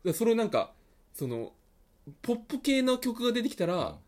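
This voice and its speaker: A man co-hosting a casual chat podcast, teasing his friend in quick banter. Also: very high-pitched, very animated, darkish tone. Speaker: podcast co-host.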